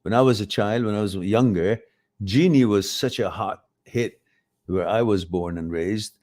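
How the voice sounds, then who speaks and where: On a live advice stream, a middle-aged Iranian host reads viewer questions in Farsi, rambling and frequently revising what he says. His voice is on the low side, a little mellow, and unhurried.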